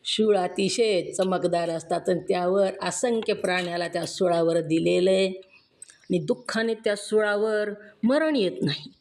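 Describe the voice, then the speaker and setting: A woman's voice: fairly low pitch, measured pace, a little mellow. A woman with a Marathi accent giving a devotional scripture discourse, earnest and emphatic, posing rhetorical questions to her listeners. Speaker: religious discourse reader.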